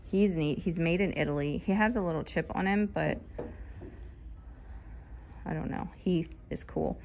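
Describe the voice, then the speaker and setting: A woman's voice: on the low side, unhurried, darkish tone, slight background noise. Chatty woman vlogging a thrift haul. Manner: chatty, thinking aloud with fillers and small laughs. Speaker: vintage reseller. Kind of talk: casual thrift-haul vlog. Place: large thrift store, indoors. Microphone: handheld phone.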